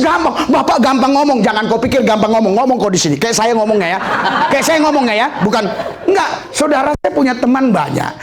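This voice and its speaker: A man preaching a lively sermon, animated, breaking into shouts and laughter, with frequent hallelujahs. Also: extremely high pitch, roomy sound.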